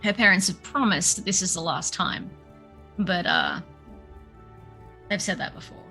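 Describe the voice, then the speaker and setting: Bright-voiced young woman player. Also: fairly low pitch, measured pace, faint music behind, poor audio. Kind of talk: casual tabletop role-play.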